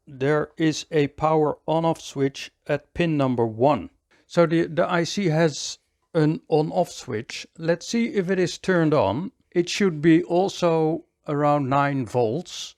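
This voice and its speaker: With a voice on the high side, a man walks through a hands-on electronics repair tutorial in measured steps, frequently repeating short phrases.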